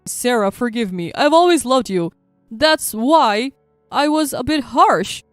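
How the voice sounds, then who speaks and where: A woman's voice: fairly high pitch, expressive, a little slow, no echo, soft background music. Woman voicing a groveling young husband. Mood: pleading. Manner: pleading.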